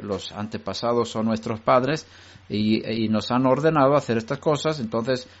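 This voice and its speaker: A man of middle pitch gives a religious lesson to a group in a patient, explanatory way. He often pauses and restarts his sentences. The recording sounds a little dull. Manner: explanatory, with frequent restarts and hesitations. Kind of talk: religious teaching talk.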